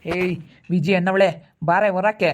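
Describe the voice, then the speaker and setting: A woman playing an angry in-law throwing someone out of the house, shouting harshly. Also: on the low side, steady tone, normal speed, lightly acted.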